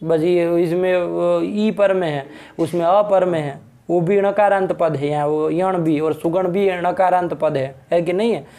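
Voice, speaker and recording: A man's voice: sits high, steady tone, unhurried, warm tone. A man teaching a Sanskrit grammar lesson in a classroom, prompting students with questions and repeated checks for understanding.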